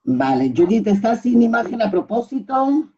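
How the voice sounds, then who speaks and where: On an online video call, a woman leads an informal group class and keeps asking her listeners whether they follow. Her voice is fairly high, warm and husky, very animated at a normal speed, and the call audio is dull and lo-fi.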